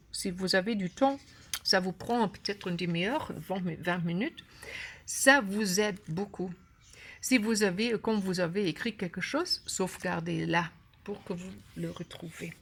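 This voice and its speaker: Female tutorial presenter, native German, German accent, broken hesitant French, fry in the voice, explaining step by step. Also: medium pitch. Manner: broken, halting French with grammar slips and word searching. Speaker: course creator and app instructor. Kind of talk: unscripted tutorial walkthrough.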